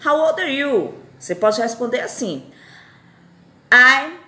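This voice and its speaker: A woman in her forties from Fortaleza, teaching basic English phrases. Her voice sounds tired and strained, and she repeats each phrase slowly. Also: a little high, big pitch swings, echoey room, slight background noise. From Fortaleza, Brazil. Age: 40s. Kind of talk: recorded lesson.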